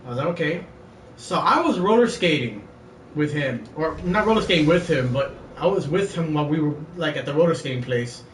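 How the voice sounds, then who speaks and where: Recorded in a roomy space that sounds distant and carries faint ambient noise, a young man tells a rambling tale while gaming. His voice sits on the high side, brisk and expressive, as he laughs often and acts out his friends' words.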